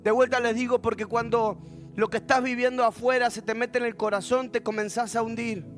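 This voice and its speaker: Rioplatense preacher guy, pretty high voice, lively funny storytelling sermon. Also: fairly quick, faint music behind. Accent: Rioplatense Spanish. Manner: animated storytelling with humor, acting out quoted voices. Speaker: pastor.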